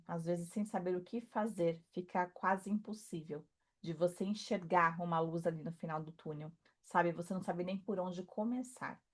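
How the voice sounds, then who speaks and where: A woman speaking as a spiritual coach, talking softly and reassuringly to the listener, with many fillers and tag questions. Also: fairly low pitch. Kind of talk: intimate motivational talk to camera.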